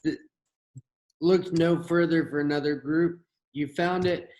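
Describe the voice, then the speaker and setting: A man hosting a trading channel, talking fast and loosely through a screen-share market rundown, with hiccups and gasps between phrases. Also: fairly high pitch, steady tone, a little mellow, poor audio. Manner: fast, rambling, with fillers and restarts. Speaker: forex trading channel host.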